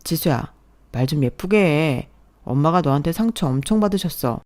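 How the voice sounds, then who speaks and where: A woman's voice: sits low, expressive, moderate pace, darkish tone. A woman voicing a tired, defensive young husband who speaks in a weary, dismissive way.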